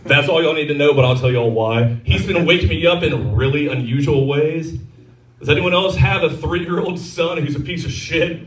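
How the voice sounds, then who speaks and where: A man's voice: fairly high pitch, moderate pace. A man doing a crude, self-mocking stand-up set on a comedy club stage. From Texas. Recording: roomy club sound from a distance.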